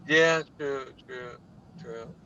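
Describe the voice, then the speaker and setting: A man's voice: medium pitch, very slow, pushed and bright, muffled recording, a little hiss or hum. A man in a car chatting casually over a video conference call, laid-back and drawling, often calling his listener "man". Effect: heard over a video conference call. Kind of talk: casual chat on a call while driving. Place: in a car on the road.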